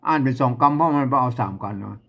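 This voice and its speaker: A man teaching, chanting lines of verse and explaining them in a relaxed, chatty way with frequent laughs. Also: medium pitch, quick pace, gravelly. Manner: laughs often while explaining.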